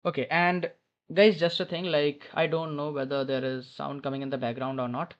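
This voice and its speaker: Here a man on the high side speaks with a flat delivery at normal speed, giving informal maths tutoring from an airport lounge. He works the problem aloud, often fixing his own mistakes, recorded through a dull, lo-fi headset mic.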